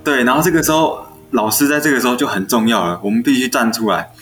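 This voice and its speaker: A young man in his twenties speaks in a mid-range voice at a fast clip, with a Taiwanese Mandarin accent. He's an elementary school teacher chatting casually about classroom stories, animatedly acting out the quoted dialogue. Faint music plays in the background.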